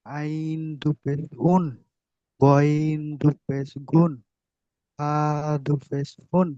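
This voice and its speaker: Slow-reciting male student, muffled line. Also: a little high, flat delivery, mellow, smooth, no room sound. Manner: slow, halting syllable-by-syllable reciting.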